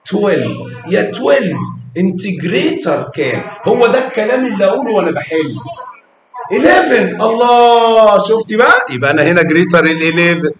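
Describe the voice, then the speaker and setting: Egyptian male teacher, lively and coaxing with small pupils; high, expressive voice; roomy classroom sound. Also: fairly quick, a crowd in the background. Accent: Egyptian Arabic. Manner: animated and coaxing, praising and quizzing pupils. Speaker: math teacher. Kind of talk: classroom teaching to young children.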